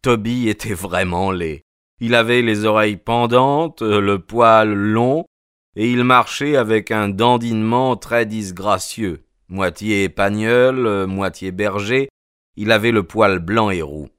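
Man, audiobook narration, low voice, dry close sound, first-person. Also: a bit bright, smooth, no room sound. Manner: measured first-person storytelling. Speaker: audiobook reader. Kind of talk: storybook narration.

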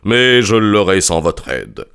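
A man's voice: fairly low pitch, big pitch swings, slow, creaky, a bit bright, smooth, heavily acted. A man voicing a stern, suspicious old male professor in an audiobook, harsh and menacing. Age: older. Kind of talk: audiobook character reading.

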